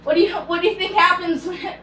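Grumpy swearing young Italian guy played by a woman, high voice, home kitchen, far-off camera, faint background noise. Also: fairly even intonation, a little fast, echoey room. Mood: irritable. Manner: swears and snaps in loud outbursts. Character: hot-tempered foul-mouthed young Italian man. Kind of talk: amateur cosplay comedy skit.

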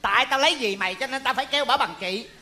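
A shrill, hot-tempered camp stepuncle. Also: male voice, bright, forceful tone, slight background noise, heavily acted. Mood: ranting. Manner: shrill scolding, quick to rage then apologize. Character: hot-tempered effeminate middle-aged stepuncle. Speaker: comic stage actor. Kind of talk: live stage comedy skit.

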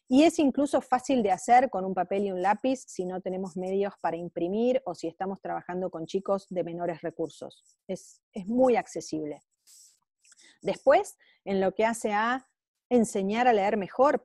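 Woman lecturer with a Rioplatense accent, patient and emphatic, relaxed mellow voice. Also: medium pitch, no room sound, clean studio sound. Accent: Rioplatense Spanish. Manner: explanatory, with emphatic stressed phrases. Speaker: psychopedagogue lecturer. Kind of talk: online lecture.

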